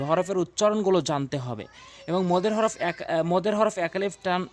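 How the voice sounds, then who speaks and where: A man teaching Quran reading in a video lesson, repeating each rule and drilling syllables aloud, with hesitant fillers between phrases. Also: high-pitched. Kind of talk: spoken tutorial lesson.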